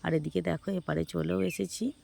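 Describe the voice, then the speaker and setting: A hoarse woman from West Bengal narrating her casual vlog outdoors, chatting with viewers as friends. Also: fairly low pitch, steady tone, moderate pace, warm tone, slight background noise. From West Bengal, India. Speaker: vlogger.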